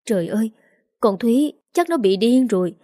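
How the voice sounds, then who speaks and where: A woman's voice: on the high side, warm tone, slightly rough. A woman voicing a panicked older mother and wife in a storybook reading. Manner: panicked, rushed.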